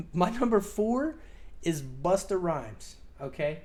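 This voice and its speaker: A man's voice: sits high, big pitch swings, slow pace, darkish tone. A man in his forties co-hosting a casual podcast, rambling with lots of fillers, swearing freely and laughing often. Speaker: podcast co-host.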